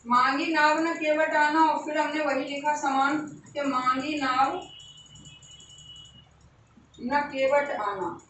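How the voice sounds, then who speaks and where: Woman, teacher, high voice, patient repetitive explaining, very echoey room. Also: flat delivery, pushed and bright, recorded from a distance, slight background noise. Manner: slow, repetitive explanation of examples. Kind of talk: exam-prep grammar lesson.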